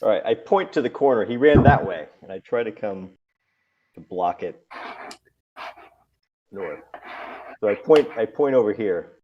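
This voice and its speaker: A man's voice: lowish voice, animated, unhurried, pauses often, highs cut off. A man playing in a tabletop game, eagerly describing his moves and repeating himself. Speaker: player. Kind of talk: casual tabletop game play.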